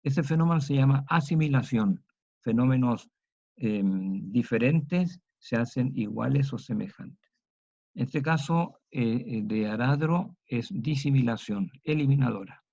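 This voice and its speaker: A man with a Chilean accent gives a slow, patient lecture, repeating each key word aloud. His voice is mellow and dark, recorded dry and a little dull. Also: mid-range voice, animated, gravelly, no room sound. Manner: slow, explanatory, repeats words for emphasis. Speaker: teacher.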